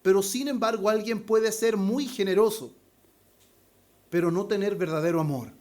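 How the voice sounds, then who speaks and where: A pastor preaching an expository sermon, calling his listeners brothers and slowing down with added force when he quotes scripture. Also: sits high, darkish tone. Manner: slows down and rises in volume on scripture quotes.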